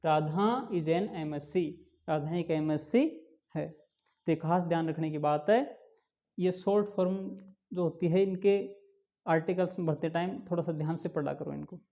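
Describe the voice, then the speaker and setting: A man with a warm, mellow voice teaches a grammar lesson. He asks his students questions and answers them himself, stretching out each example word slowly and stressing the key points. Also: fairly high pitch, fairly even intonation. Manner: drawn-out slow pronunciation of examples. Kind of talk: classroom lesson explaining English grammar.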